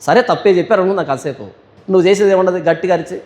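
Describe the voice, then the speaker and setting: A male pastor leads a Bible study in a notably high voice. He puts rhetorical questions to his listeners and answers them himself, slowing down to read scripture with care. The recording carries a long, lingering hall reverb. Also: a little mellow. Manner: reads scripture verses slowly and deliberately.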